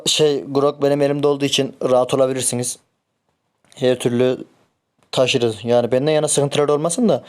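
Male streamer, chatty and hot-headed, mid-pitched, talks through his match. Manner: excitable, swears and grumbles at teammates. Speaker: gameplay streamer. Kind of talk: casual live game commentary.

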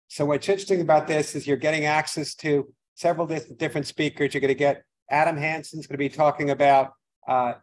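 A man's voice: fairly high pitch, a little hiss or hum, poor audio. A man hosting a financial seminar in front of a live audience, talking casually, rambling a little, with lots of fillers. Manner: rambling, self-deprecating, many fillers. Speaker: seminar host, financial advisor. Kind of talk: casual opening remarks at a seminar. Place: event venue with a live audience.

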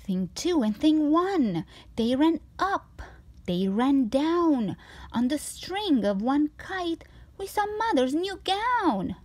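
A woman reading a children's storybook aloud with expressive, rhythmic, emphatic narration. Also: high-pitched, takes it slowly.

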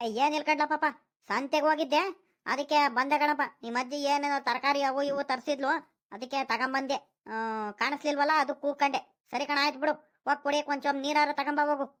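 A woman's voice: high voice, little pitch movement, brisk, a bit bright. A woman voicing a stingy, fussy old village grandfather in a cartoon, nagging and haggling, with a rural Karnataka Kannada accent. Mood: scolding. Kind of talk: cartoon voice acting.

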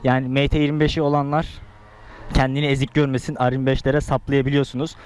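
A man's voice: mid-range voice, level tone, fast, darkish tone, smooth. A young man chatting casually as a motorcycle vlogger, slangy and teasing, talking from inside a helmet. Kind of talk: casual motovlog chat and commentary.

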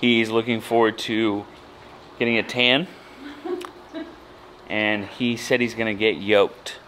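A man's voice: on the low side, little pitch movement, slow, fairly bright tone, a little hiss or hum. A middle-aged father chatting casually in a family vlog, teasing with dry sarcasm. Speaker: vlogger father.

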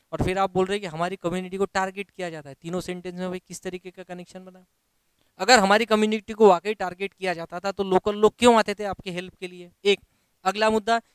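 A man's voice: sits high, clean tone, no echo. Man teaching with rhetorical questions. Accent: Indian. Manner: explains step by step with rhetorical questions; reads English sentences slowly, then explains in Hindi. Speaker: English exam teacher. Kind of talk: classroom lecture.

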